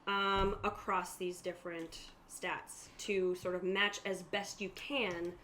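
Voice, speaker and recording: Her voice is lowish, bright, and forceful, yet her delivery is flat and slow. As a game master on a stream, she explains tabletop rules in a casual, chatty way from a room at a group gaming table, with noticeable room noise behind her.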